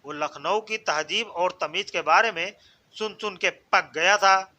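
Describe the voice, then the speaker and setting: Slow, bright-voiced man telling jokes. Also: sits high. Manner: reads jokes in a measured storytelling voice, voicing each character in turn. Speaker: joke narrator. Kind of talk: scripted joke narration.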